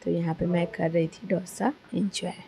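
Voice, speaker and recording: A woman's voice: fairly low pitch, flat delivery, normal speed, creaky, mellow, slight background noise. A young woman narrating her home vlog in a chatty, rambling way with many fillers. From Kolkata, India. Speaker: vlogger. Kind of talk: casual vlog voice-over.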